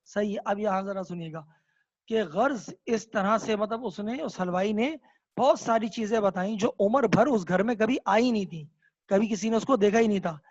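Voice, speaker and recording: A man's voice: high voice, no echo, highs cut off. A man teaching an online class, explaining a text patiently, slipping in English words and often checking with his students. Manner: mixes English words into speech.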